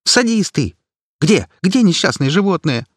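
A man's voice: big pitch swings, measured pace, slightly rough, dry recording, clean studio sound, full character voice. A man voicing an indignant young woman who defends animals and lectures people. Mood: outraged. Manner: shrill, moralizing and outraged.

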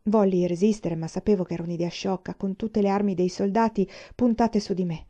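A woman reading a novel aloud at a steady, measured pace. Her voice is mellow and warm, and the recording is dull and muffled. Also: medium pitch. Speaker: audiobook reader.

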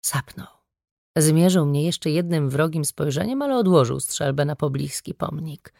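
A woman reading a first-person audiobook story with brisk, wry storytelling. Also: deep voice, animated, vocal fry, warm tone, dry recording, clean studio sound. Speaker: audiobook narrator. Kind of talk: scripted first-person narration.

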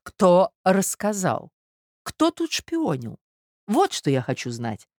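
A woman reading aloud and voicing a scheming society lady who speaks in a painfully soft, reproachful voice. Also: on the low side, wildly swooping pitch, takes it slowly, no room sound, studio quality, voice pushed up, full character voice. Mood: softly sly.

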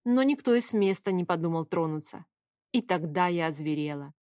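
Expressive woman reading a novel aloud. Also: fairly low pitch, brisk, dry recording, clean studio sound. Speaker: audiobook narrator. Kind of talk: first-person novel narration.

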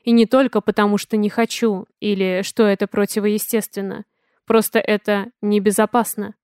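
A calm, protective alien man at the helm of his ship, as a woman reads him out in an audiobook. His voice is smooth and clear, and he holds it level, with barely any rise or fall. He sounds dry and close, steady and reassuring. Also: mid-range voice, moderate pace, no echo, natural voice. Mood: calm, gentle. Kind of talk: audiobook character voice.

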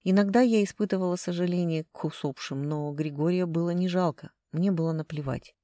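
A woman narrating a first-person novel in a dry, ironic and expressive way. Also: lowish voice, fairly quick, no echo. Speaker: audiobook narrator.

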